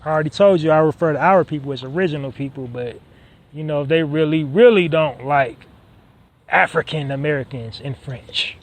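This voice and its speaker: A man hosting a solo podcast in a conversational tone, repeating points for emphasis and often pausing on "um". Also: a little high. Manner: conversational, emphatic repetition, frequent "um" fillers. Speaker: podcast host.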